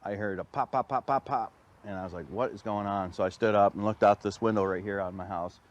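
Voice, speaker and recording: A man's voice: fairly low pitch, steady tone, quick pace, highs cut off, slight background noise. A man giving a plain, conversational eyewitness account in a news interview, somewhat subdued. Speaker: interviewed dog owner.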